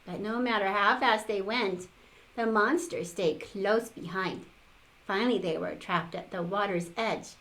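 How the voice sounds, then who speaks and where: A woman's voice: mid-range voice, measured pace, fairly bright tone, low-quality recording. An older woman, a sweet old lady, reading a storybook aloud expressively as a grandmother, with playful asides.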